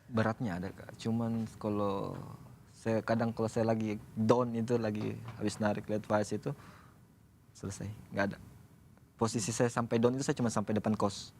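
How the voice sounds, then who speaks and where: A low-voiced Indonesian man sits as a guest in a radio studio. He talks about his life plainly, with frequent restarts and searching pauses. A faint hiss runs behind his voice. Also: level tone, a little mellow. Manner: halting, restarts and searches for words. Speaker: radio guest, single father. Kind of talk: casual interview talk.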